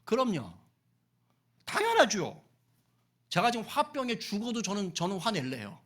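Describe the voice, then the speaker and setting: A man puts on a sulking grown prophet who refuses and grumbles. The tone is petulant and stubborn, a quick acted aside within a sermon. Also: high-pitched, sharp tone. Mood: defiant. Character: sulky, defiant adult male prophet talking back.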